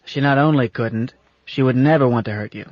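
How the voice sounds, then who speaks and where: A man doing a gruff, folksy old captain. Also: mid-range voice, a little fast, dry recording, natural voice. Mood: stern, folksy. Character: gruff, bossy old space captain, affectionate. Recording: dull lo-fi audiobook recording.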